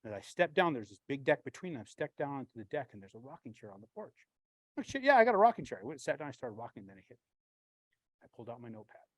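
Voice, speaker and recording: A man, a branch manager, giving a blunt, animated storytelling talk with frequent swearing and a husky voice. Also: mid-range voice, racing, dry recording, poor audio.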